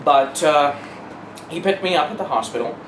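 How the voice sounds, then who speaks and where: In an echoey room with clear background noise, an interviewee delivers personal testimony with emphasis. The voice is medium-pitched, with lively intonation and a normal speed.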